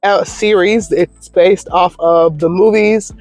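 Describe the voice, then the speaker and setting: A woman in her thirties from Michigan, United States, is a YouTuber filming a casual Q&A vlog from her parked car in a parking lot, upbeat and encouraging. Her voice is fairly low and darkish, steady in tone and slow, with soft music playing behind her.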